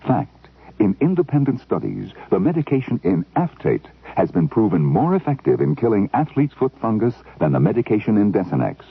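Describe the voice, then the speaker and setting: A tinny, dry radio ad read by a male announcer. His gravelly, husky voice delivers an emphatic hard sell with huge swings of intonation. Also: fairly low pitch, sing-song, fairly quick, dry recording. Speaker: commercial announcer.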